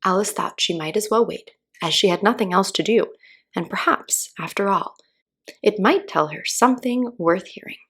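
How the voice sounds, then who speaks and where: A woman narrating a children's story aloud in a calm audiobook style. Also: medium pitch, moderate pace, slightly rough.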